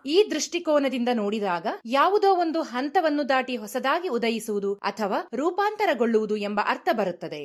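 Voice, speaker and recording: A woman narrating a scripted explainer in a measured, formal way, letting her phrases fall away at the ends. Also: a little high, fairly bright tone. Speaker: video host.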